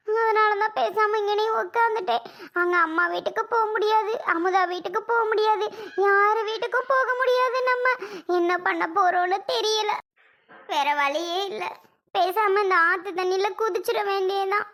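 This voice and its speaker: A woman voicing a distraught young village wife in a cartoon, with a southern Tamil accent and a slow, self-pitying lament. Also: very high voice, a bit bright. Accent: southern Tamil (Kanyakumari-Tirunelveli). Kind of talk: cartoon voice acting.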